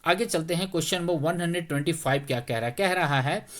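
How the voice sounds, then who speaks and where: A male teacher, a little under the weather, talking slowly through exam questions in a conversational way and often checking whether students follow. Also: fairly high pitch, a bit bright. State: slightly unwell, speaking slowly.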